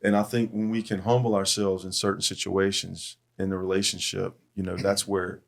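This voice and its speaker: A man's voice: deep voice, flat delivery, normal speed, creaky. A middle-aged man hosting a church men's podcast, telling stories in an earnest, heartfelt way. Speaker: podcast host.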